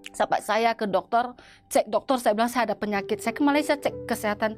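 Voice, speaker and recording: Woman, testimony interview, higher pitch, halting with many restarts, soft music underneath. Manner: halting, with frequent restarts and repeated words. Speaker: church member giving a testimony.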